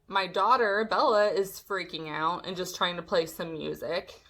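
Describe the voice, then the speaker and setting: A young woman vlogger telling a storytime, animated and swearing as she acts out what people said. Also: lowish voice, unhurried. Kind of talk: storytime vlog.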